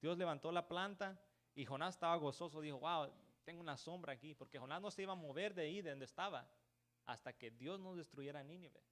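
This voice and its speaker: Man preaching a church sermon, slightly high voice. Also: a little fast, a bit bright. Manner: peppers talk with "hermano" and "¿verdad?"; restarts words, slips into English words.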